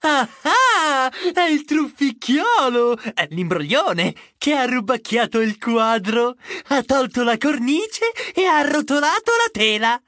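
Ficcanaso, a high, boastful bumbling detective mouse. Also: very animated, slow pace, few pauses, sharp tone, no room sound, studio quality, heavily acted. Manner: playful rhyming, trails off mid-sentence.

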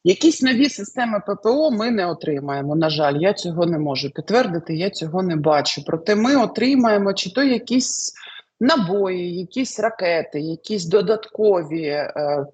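Woman tarot reader, husky tone, halting delivery with fillers, answering an interviewer. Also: lowish voice. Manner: hesitant, many fillers, lively rises. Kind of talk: interview answers, fortune-telling.

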